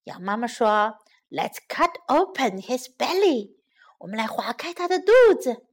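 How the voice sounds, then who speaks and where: Woman voicing a worried mother goat, soft storybook mom, measured. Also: a little high, sing-song, pitched below the performer's own voice, exaggerated voice. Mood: determined.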